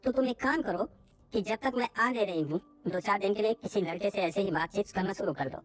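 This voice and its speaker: A woman voicing a young female friend who calmly gives advice. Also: medium pitch, brisk, natural voice. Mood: advising. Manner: reassuring, advising.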